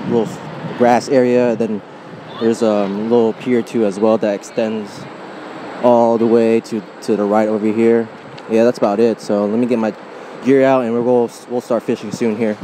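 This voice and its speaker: A young man vlogging while fishing from an outdoor pier, chatty and upbeat, recorded on a head-mounted action camera. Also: on the low side. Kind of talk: casual vlog narration. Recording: outdoor camera audio with clear noise.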